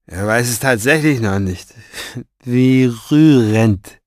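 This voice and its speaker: A man voicing a scheming, vain, gloating male villain in a storybook reading, with a velvety voice and a mocking, drawn-out, theatrical delivery. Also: mid-range voice, lively intonation, fairly bright tone, no echo, clean studio sound.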